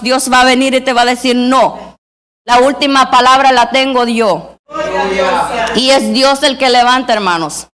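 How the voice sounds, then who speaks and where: Higher-pitched woman preaching a sermon. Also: a bit bright. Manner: addresses listeners as brothers constantly; reads scripture aloud then exhorts.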